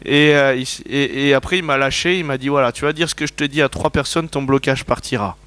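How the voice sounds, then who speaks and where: French man preaching a lively, storytelling sermon. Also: mid-range voice, a little fast, smooth, dry recording. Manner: storytelling, conversational, asks the audience questions.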